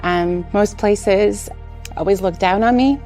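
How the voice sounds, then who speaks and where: A woman's voice: mid-range voice, slow, darkish tone. A woman in her forties, originally from Hungary, speaking frankly in a gym-member testimonial. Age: 40s. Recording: music underneath.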